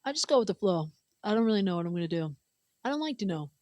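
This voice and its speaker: A woman's voice: medium pitch, very animated, quick pace, a little mellow, no room sound, studio quality. A woman guest on a radio show, talking loosely with lots of "you know" and "like". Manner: loose, filler-heavy, says "you know" and "man". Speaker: singer-songwriter guest. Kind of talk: casual interview chat. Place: radio booth.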